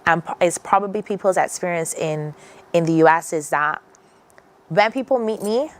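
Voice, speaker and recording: A Barbadian woman, appearing as a guest on a morning TV interview, speaks earnestly in a lowish voice at a moderate pace. She's reflective and frequently restarts her sentences.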